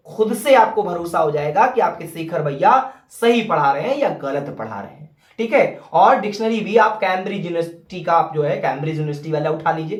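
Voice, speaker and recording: A man teaching English pronunciation in a video lesson, drilling each word slowly and repeating it several times. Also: high voice, roomy sound. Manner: lively, repeats words slowly to drill them. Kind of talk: classroom-style video lesson.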